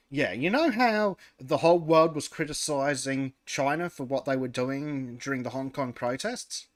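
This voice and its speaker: A man's voice: medium pitch, measured pace, no room sound, studio quality. A man co-hosting a podcast, chatting casually over a remote call, laughing often and swearing freely. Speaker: podcast co-host. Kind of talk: casual chat.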